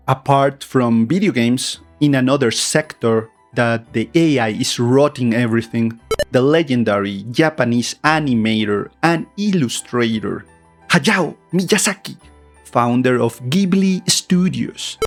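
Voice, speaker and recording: Male video commentator, non-native English, medium pitch, deliberate emphatic delivery, light music bed. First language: not English. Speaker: video essay narrator, VTuber. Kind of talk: scripted opinion commentary. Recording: faint music behind. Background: background music.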